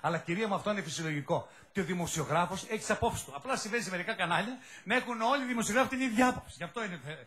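A man's voice: high-pitched, fairly bright tone. A man hosting a satirical news show, mocking politicians in a chuckling monologue. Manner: mocking, chuckling asides to the audience; talks down to others in mock sympathy.

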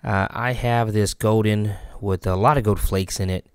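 A man narrating a voice-over, briskly running through his fishing gear. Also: on the low side, fairly even intonation, smooth, no room sound, studio quality. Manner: brisk, listing details. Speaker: vlogger narrating.

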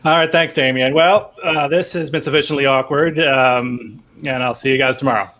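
A man's voice: mid-range voice, steady tone, normal speed, fairly bright tone, natural voice. A man doing an awkward joking math teacher. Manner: dry, awkward banter. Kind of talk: comedic script reading.

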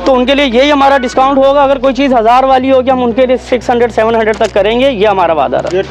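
High-voiced shopkeeper making a sales pitch. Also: male voice, slight background noise, low-quality recording. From Pakistan. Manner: eager, rapid salesman patter. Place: crowded clothing market shop, indoors.

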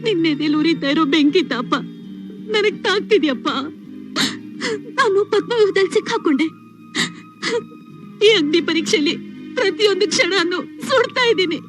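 A woman's voice: very high-pitched, expressive, normal speed, long pauses, over music. An actress playing a guilt-ridden middle-aged mother who cries and begs forgiveness, over a film score. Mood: anguished. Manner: anguished, begging forgiveness. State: crying. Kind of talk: film drama acting. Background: film score over the dialogue.

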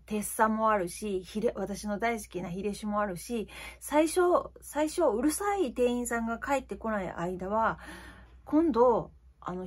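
A woman's voice: mid-range voice, breathy edge. A woman in her fifties telling a story to her channel, chatty and confiding, with many fillers. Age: 50s. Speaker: vlogger. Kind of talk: casual storytelling monologue.

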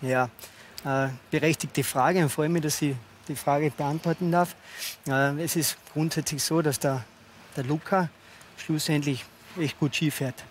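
A man's voice: a little high, fairly even intonation, a little slow, a little hiss or hum. A man, earnestly explaining things as a guest father on a TV talk show, wearing a headset mic in the studio. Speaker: father of a young skier. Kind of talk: talk-show interview answers. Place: TV studio with audience.

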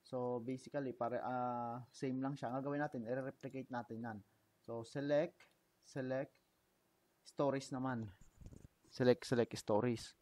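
Man, Filipino accent, software tutorial voice-over, step-by-step, methodical. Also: mid-range voice, moderate pace, low-quality recording. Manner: steady step-by-step narration of clicks, mixing Tagalog and English. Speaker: engineering software instructor. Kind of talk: screen-recorded software tutorial. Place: indoors at a computer, voice-over of screen capture.

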